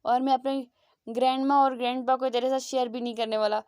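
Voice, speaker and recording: A woman's voice: sits high, little pitch movement, fairly quick, a little mellow, smooth, no room sound, studio quality, natural voice. A woman voicing a playful, teasing young man in a retold story.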